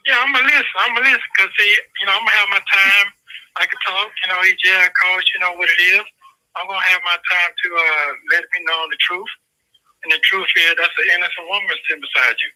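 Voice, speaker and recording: A man's voice: high-pitched, fairly even intonation, fast talker, bright, forceful tone. A man calling from jail on a prison phone line, talking in an angry, defiant and insistent way.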